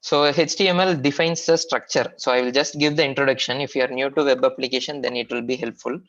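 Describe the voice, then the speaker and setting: In what sounds like a dull, low-fidelity online training recording, an Indian-accented software trainer explains a technical topic informally. His medium-pitched voice is steady and fairly bright, and he halts often, repeating himself as he goes.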